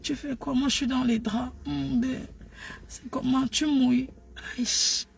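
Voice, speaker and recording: A woman playing a sultry lover on the phone, in a whispered role-play that is soft, breathy and coaxing. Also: sits high, fairly even intonation, a little slow, full character voice.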